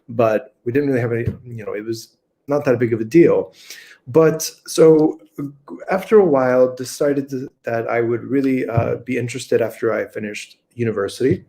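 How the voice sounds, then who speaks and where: Male guest from rural Kentucky, mid-pitched, casual and unscripted, lots of ums and restarts, on a video call. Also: warm tone. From rural Kentucky, USA. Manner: thinks aloud, many fillers and restarts. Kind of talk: unscripted conversational interview.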